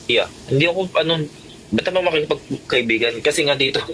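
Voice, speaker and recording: A man's voice: on the high side, fast talker, a bit bright, a little hiss or hum, poor audio. Defensive man chatting on a livestream. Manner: defensive, repeatedly insisting he is not angry. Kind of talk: casual livestream chat.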